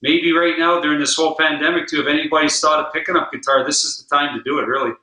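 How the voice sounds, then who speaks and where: A man's voice: on the high side, little pitch movement, quick pace, pushed and bright. A man guest-hosting a podcast, chatting casually and easily with fillers. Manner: easygoing, rambling with fillers. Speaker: guest host and guitar player. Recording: roomy echo.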